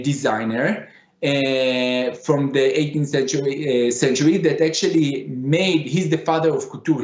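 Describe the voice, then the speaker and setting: A man's voice: mid-range voice, a little mellow, slight background noise. A man with a Middle Eastern accent, a non-native English speaker, giving a conference lecture and repeating phrases for emphasis. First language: not English. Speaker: conference speaker, digital fashion designer. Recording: echoey room, slightly dull sound.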